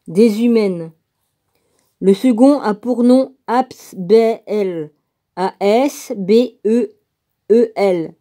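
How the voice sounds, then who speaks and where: A woman reads a religious text aloud at a slow, casual pace, spelling out names letter by letter and adding her own comments. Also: a little high, warm tone. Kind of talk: casual reading aloud with asides.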